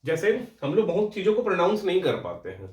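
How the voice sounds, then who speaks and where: A fairly high-voiced young man teaching an exam prep class, spelling sounds out patiently and checking in with students again and again. He sounds a little away from the mic, and the room gives his voice a noticeable echo. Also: big pitch swings, quick pace, a little mellow, far from the mic. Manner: explanatory, repeats words, frequent "ठीक है?" check-ins. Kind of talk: Hindi grammar lecture.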